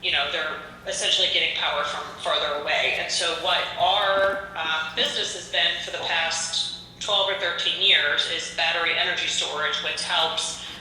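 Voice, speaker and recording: A woman giving a business presentation over a speakerphone into a meeting room, halting, with many fillers. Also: low-pitched, fairly even intonation, pushed and bright, faint music behind. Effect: heard over a speakerphone in the meeting room. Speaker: remote presenter for a company. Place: remote location, heard through a room speaker. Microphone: phone on speakerphone. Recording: speakerphone played into an echoey meeting hall.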